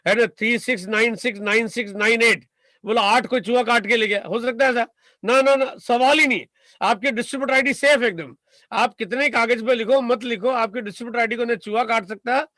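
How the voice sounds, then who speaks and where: A man's voice: high voice, a bit bright, no room sound, clean studio sound. A man from India giving a motivational business talk, emphatic and rhetorical, stacking repeated phrases and asking his listeners "right?".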